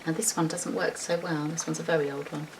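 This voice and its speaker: A female teacher with a deep voice reads a picture book aloud to children briskly and in a steady tone. She still gives the story an expressive reading, adding chatty, informal asides while she shows the pictures. Captured on a distant mic, the audio has faint background noise.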